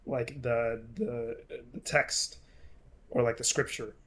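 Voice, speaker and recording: A man chatting loosely on a podcast, piling up fillers and false starts and swearing freely as he rambles. His voice sits at an ordinary middle pitch. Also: steady tone, slow pace, fairly bright tone. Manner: rambling, swears a lot, many fillers and restarts. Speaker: podcast co-host. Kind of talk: casual chat.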